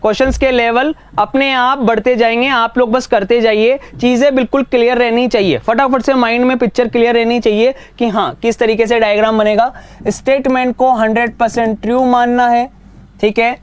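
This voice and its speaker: A man teaching reasoning in a live exam-prep class, brisk and coaxing, mixing Hindi with English. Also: very high voice, level tone, smooth, no echo.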